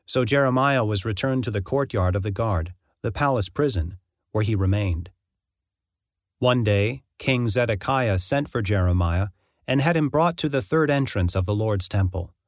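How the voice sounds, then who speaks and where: A man narrating a Bible passage in an even, measured reading style. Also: fairly low pitch, no room sound, studio quality. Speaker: scripture reader.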